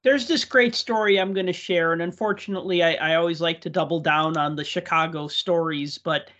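A man's voice: fairly high pitch, fairly even intonation, brisk, a bit bright. A man hosting a casual podcast chat who tells stories with enthusiasm and laughs along with them. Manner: chatty storyteller, laughs at his own stories. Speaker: podcast host. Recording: dull lo-fi audio.

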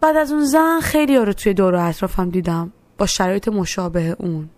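A woman's voice: medium pitch, music in the background. A young woman narrating a personal story in a reflective, first-person way. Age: young adult. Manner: reflective, quotes others in voiced asides.

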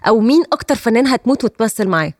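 A woman's voice: fairly high pitch, animated, very fast, dry recording, clean studio sound. A woman with an Egyptian Arabic accent co-hosting a talk show with playful, teasing banter. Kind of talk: casual banter.

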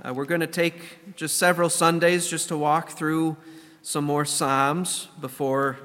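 A man preaching as a pastor, his voice congested and stuffy from a cold, speaking in a measured, earnest way. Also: fairly high pitch, level tone, a bit bright. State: getting over a cold. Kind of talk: sermon with prayer and scripture reading. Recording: long hall reverb.

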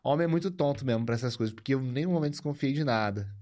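A man's voice: medium pitch, rapid-fire, darkish tone. A man in his thirties chatting casually in an interview, telling a story in a rambling way and tagging his sentences with little questions. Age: 30s. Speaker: guest's husband.

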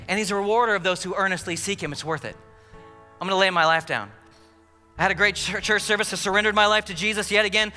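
An American man preaching a sermon with emphatic, repeated phrases, dramatic pauses and a colloquial, humorous touch. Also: high voice, pushed and bright. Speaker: pastor preaching. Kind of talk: animated sermon with acted-out asides. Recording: long hall reverb, music underneath.

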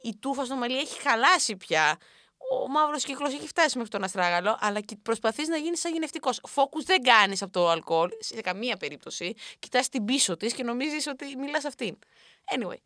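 A young woman hosting a show, telling a funny self-mocking story about a night out in a lively, animated way. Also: a little high, no room sound, clean studio sound. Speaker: radio host. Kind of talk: comic storytelling monologue.

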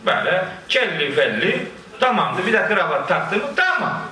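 A man preaching a sermon, quoting scripture in Arabic and explaining it with lively asides. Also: sits high, moderate pace. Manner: lively, quotes Quran verses in Arabic and explains them. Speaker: Islamic preacher. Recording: echoey room, voice from a distance.

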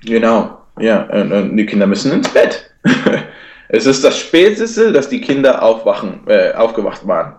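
A man's voice: medium pitch, darkish tone. A man telling a personal story in German, sprinkling in English words and restarting his sentences often. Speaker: guest. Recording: echoey room.

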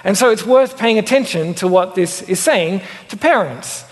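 A young man delivers a sermon in a casual, animated manner, dropping self-deprecating asides. His voice sits high for a man. The sound carries a long reverb from the church. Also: moderate pace. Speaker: preacher.

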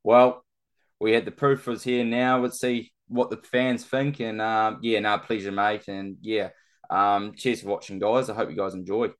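A man's voice: lowish voice, flat delivery, moderate pace. A man chatting casually about sport as a guest, with a laid-back, slangy way of talking.

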